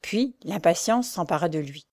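Woman reading a story, low voice. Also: animated, normal speed, darkish tone, dry recording, clean studio sound. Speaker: narrator.

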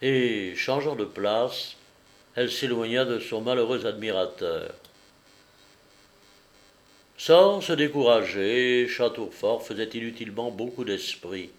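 A man narrating a classic novel in a measured audiobook reading. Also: mid-range voice.

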